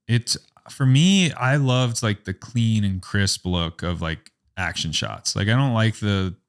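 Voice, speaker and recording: A young man with a lowish voice tells a story in a relaxed podcast chat. He rambles and fills his talk with "like", acting out what people said to him. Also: slow pace, clear, resonant tone. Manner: animated, rambling, heavy use of "like", acts out quotes. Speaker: photographer and business owner, podcast guest. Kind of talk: casual storytelling in a podcast interview.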